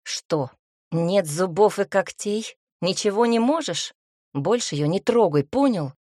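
Brief: female narrator as a blunt, hot-tempered young warrior hero, breathy tone. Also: fairly low pitch, animated, measured pace, a little mellow, dry recording, clean studio sound. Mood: angry.

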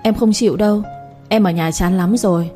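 A woman reading a cunning young village woman who wheedles and insists. Her tone is warm and mellow at a middle pitch, with faint music behind. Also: fairly quick, close to an everyday voice. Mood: wheedling. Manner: pouting, insistent.

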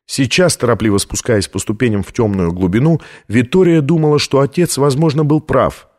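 A man's voice: mid-range voice, expressive, fairly quick, a little mellow. A man narrating an audiobook in a tense, dramatic reading. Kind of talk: scripted narration.

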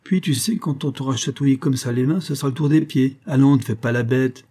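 A man's voice: mid-range voice, a little fast, dark tone, voice pushed up, natural voice. A man reading aloud, voicing a cruel male convict bandit who tortures a prisoner with a mocking, hissing manner. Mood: menacing. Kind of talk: audiobook character voice.

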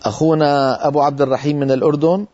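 A middle-aged Syrian man teaches Quran recitation on a broadcast lesson, drawing out letter sounds syllable by syllable. His voice is mellow and unhurried. The audio is a little muffled, like an old TV recording. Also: a little high, steady tone.

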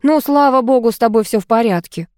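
A woman's voice: a little high, expressive, fast talker, darkish tone, smooth, no echo, clean studio sound, close to an everyday voice. A woman voicing a kindly, earnest middle-aged male village head in an audiobook. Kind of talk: audiobook character voice.

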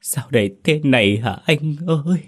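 A man's voice: animated, unhurried. A man voicing a grieving young village widow, lamenting in a raised voice. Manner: lamenting, pitched up.

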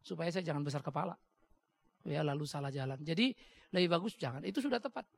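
Male pastor, raspy, rapid and animated, blunt in his sermon answers. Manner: blunt, animated storytelling, jumps high for quoted voices.

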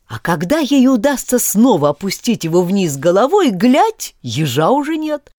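Female audiobook narrator, very animated intonation, dead-dry studio sound. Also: medium pitch, moderate pace, dry recording. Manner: expressive, sing-song storytelling. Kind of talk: storybook narration.

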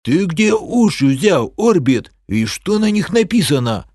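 A man doing a greedy hamster hustler from a fantasy audiobook, voice pushed up high and swinging wildly as he yells about cash. He drags out his words in indignant, slangy bursts. The sound is dry and close. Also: very animated, a little slow, no room sound, exaggerated voice. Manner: indignant, shouting, money-obsessed slang. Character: greedy excitable male hamster trader. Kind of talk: audiobook character voice.

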